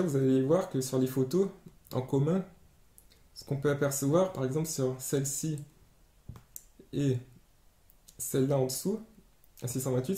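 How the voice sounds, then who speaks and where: A man giving a screen-share tutorial as an online sales trainer, explaining step by step and pausing often on fillers. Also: mid-range voice, dark tone. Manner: explanatory, hesitant with many fillers. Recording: roomy echo.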